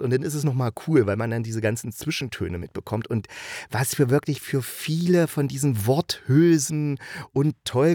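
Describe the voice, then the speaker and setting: Reviewing radio plays on his laid-back podcast, a medium-pitched man chats his way through an eager, slangy, wandering monologue. The studio sound is clean, with no room sound at all.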